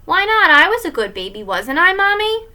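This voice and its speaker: A high, bright little boy's voice, as a woman puts him on, singsong and showing off. The toddler chatters playfully, bouncing up and down in tone through a storybook reading. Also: big pitch swings, normal speed, full character voice. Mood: curious.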